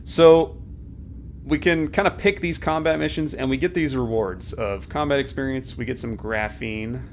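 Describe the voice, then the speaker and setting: A man's voice: mid-range voice, normal speed, slight background noise. Casual male game commentator. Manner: casual, filler-heavy explaining. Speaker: let's play host. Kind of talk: gameplay commentary.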